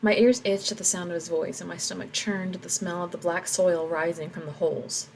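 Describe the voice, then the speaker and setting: Woman author reading and editing aloud, low voice, reflective, light background noise. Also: fairly even intonation, fairly quick, a little mellow, rough recording. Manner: reflective, talks through her edits. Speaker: author editing her own story. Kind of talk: reading aloud and commenting on edits.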